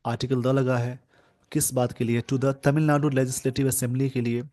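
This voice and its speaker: Man slowly explaining grammar. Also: medium pitch, level tone, dark tone, no room sound. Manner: explains word by word, reads English phrases slowly. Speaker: English teacher. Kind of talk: newspaper editorial lesson.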